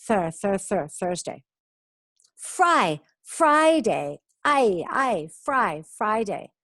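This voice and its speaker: Slow, careful woman teaching English. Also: medium pitch, big pitch swings, a bit bright, dry recording, clean studio sound. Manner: slow, drawn-out pronunciation drills with frequent "ok?" checks. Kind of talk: online class over video call. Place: community centre in Barcelona. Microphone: video call.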